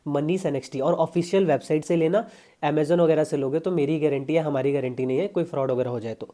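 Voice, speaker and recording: Young male fitness vlogger, warm mellow voice, chatty and salesy. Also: a little high, a little fast. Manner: chatty, pushy, addresses viewers as brother. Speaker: fitness coach. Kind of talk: casual diet advice vlog.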